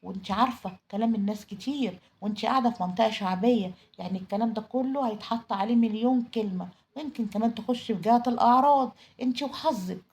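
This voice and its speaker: A man's voice: high-pitched, quick pace, darkish tone. A woman reading a menacing Egyptian blackmailer. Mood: threatening. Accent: Egyptian Arabic. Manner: cold, threatening, bargaining. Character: menacing blackmailing man, middle-aged.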